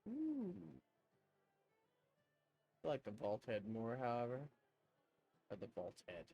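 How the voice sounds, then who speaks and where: A man's voice: lowish voice, moderate pace, a little mellow, highs cut off, faint music behind. A man chatting casually and rambling in a self-conscious way as he plays a game, thinking aloud as he goes. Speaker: video game streamer. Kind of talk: casual chat and commentary while playing a game.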